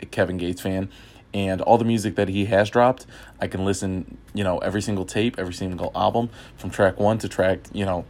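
A man's voice: low-pitched, creaky, darkish tone. A man hosting a casual music podcast, rambling with many fillers, and he has the hiccups. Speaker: podcast host. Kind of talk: casual music review chat.

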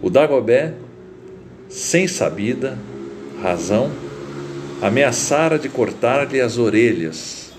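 A man reading a literary short story aloud as narrator, in a slow, deliberate and expressive way. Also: mid-range voice, background noise.

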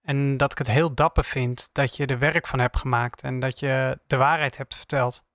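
A man voicing a calm formal HR manager. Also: medium pitch, normal speed, no echo, clean studio sound, lightly acted.

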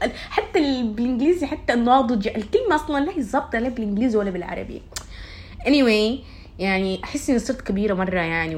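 A young woman, chatting casually and confidingly to her followers and dropping in English words. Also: medium pitch. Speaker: vlogger.

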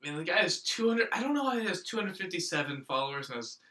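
A man's voice: sits high, very animated, fast, sharp tone, roomy sound, recorded from a distance, a little hiss or hum. A man hosting a casual comedic podcast chat, crude and swearing freely. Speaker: podcast host.

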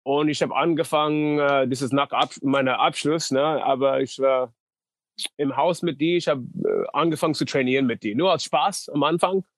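A man's voice: mid-range voice, sing-song, no room sound. A man in his thirties from North Dakota speaks German as a second language with an American accent. He is a guest in a casual interview and keeps stopping to search for words. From North Dakota, USA. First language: English. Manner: halting non-native German, searching for words. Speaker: guest, pitching coach.

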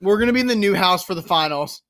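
Lively teasing podcast co-host. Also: mid-range voice, fast. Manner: teasing, animated, playful squeals. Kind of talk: casual chat.

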